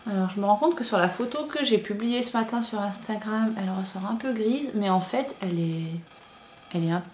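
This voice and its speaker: A woman's voice: medium pitch, lively intonation, brisk, a little mellow. Chatty woman with a rambling, filler-laden talk. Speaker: knitting podcaster. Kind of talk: casual chat showing yarn to camera. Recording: echoey room with faint ambient noise.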